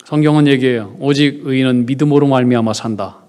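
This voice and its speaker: A middle-aged man preaching a sermon as pastor, moving between quiet, hushed confession and loud, emphatic preaching. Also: medium pitch, fast talker. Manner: acts out prayers in a soft, hushed voice.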